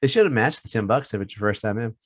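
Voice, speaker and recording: A man's voice: fairly low pitch, fast talker, husky, no room sound. A middle-aged man co-hosting a fantasy football podcast, chatting casually and joking at his own expense. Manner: rambling, joking, self-mocking. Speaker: podcast co-host. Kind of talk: casual sports chat.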